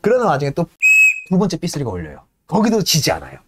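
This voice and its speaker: Man, host, animated storytelling, lively swinging voice, laughs a lot. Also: on the high side, quick pace, heavy background noise. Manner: laughs often, lively, acts out characters. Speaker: podcast host retelling a play.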